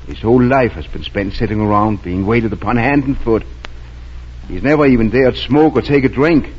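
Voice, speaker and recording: An actor playing a kindly, gently humorous small-town family doctor in a 1940s radio drama. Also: male voice, medium pitch, moderate pace, lightly acted. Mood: thoughtful, explaining. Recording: dull, noisy 1940s radio recording.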